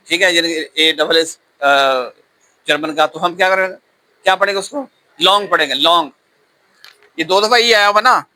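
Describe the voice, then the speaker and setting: A man's voice: high-pitched, sharp tone, low-quality recording. A man teaching German pronunciation in a classroom-style lesson, repeating words and quizzing his learners.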